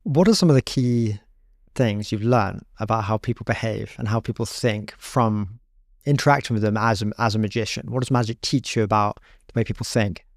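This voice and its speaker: A man's voice: fairly low pitch, brisk, dry recording, clean studio sound. A man hosting a podcast, asking his guest open, curious questions. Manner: inquisitive, asks open questions. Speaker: podcast host. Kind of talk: interview questions.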